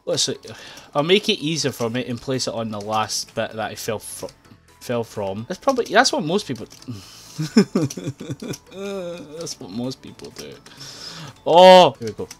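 A young man narrating his own gameplay, quick to frustration and laughter, at a desk mic near his keyboard. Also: mid-range voice, faint music behind. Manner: excitable, frustrated outbursts and laughing. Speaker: gaming YouTuber. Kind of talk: let's play commentary. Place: home room at a computer.

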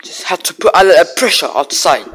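A woman's voice: lowish voice, animated, brisk, a crowd in the background, lightly acted. Woman doing a cocky street guy. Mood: brash. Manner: loud taunting outbursts, slangy, bossy. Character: brash young British street guy, trash-talking gamer. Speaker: gamer. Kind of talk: playing a video game on camera.

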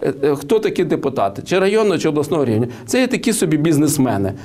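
Rapid-fire and fairly high-pitched, with big swings in pitch and a slightly mellow tone, a man gives political and economic commentary in a studio interview. He tells anecdotes, hesitates with plenty of fillers and keeps restarting his sentences.

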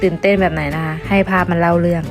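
A woman's voice: lowish voice, fairly even intonation, fast talker, faint music behind. A woman giving chatty, casual narration for a vlog.

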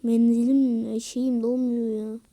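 A woman doing casual gameplay commentary, excitable and slangy, yelling at teammates in bursts. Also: on the high side, slow pace. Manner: slangy, rough-talking banter. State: out of breath. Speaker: gaming video creator. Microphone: screen-recorded game commentary mic.

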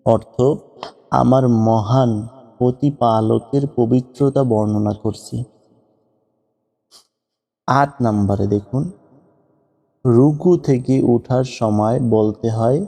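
A man teaching how to pronounce prayer recitations, drawing out each word slowly in demonstration. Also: mid-range voice, warm tone, big-room sound. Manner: slow, drawn-out demonstrations of pronunciation. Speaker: religious teacher.

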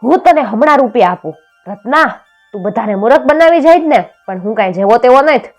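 A woman voicing an angry, bullying male officer in a storybook tale, loud and scolding. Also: fairly high pitch, animated, brisk, muffled recording, soft background music, voice pushed up.

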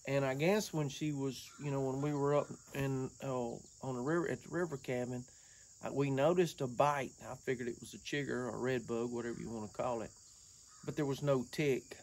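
Folksy man with a gravelly voice. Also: mid-range voice, steady tone, a little fast, a little hiss or hum. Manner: folksy, rambling, drawling with y'all. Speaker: woodworking vlogger. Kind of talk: casual chat to camera. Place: outdoors under an open sawmill shed, insects around.

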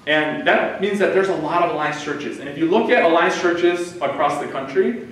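Speaking at normal speed in a somewhat bright, higher-leaning voice, a thirtysomething American man gives a guest sermon in a church sanctuary, talking conversationally and moving his hands. The camera picking him up sits far away, so the hall sounds echoey.

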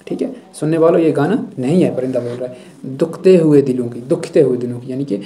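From Jammu and Kashmir, this male teacher has a mellow, medium-pitched voice. He goes through a poem line by line, slowly reciting each verse before explaining it, often adding his habitual "thik hai."

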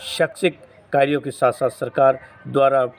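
A man's voice: mid-range voice, steady tone, normal speed. Man giving a local news report. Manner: formal, reads out the memorandum.

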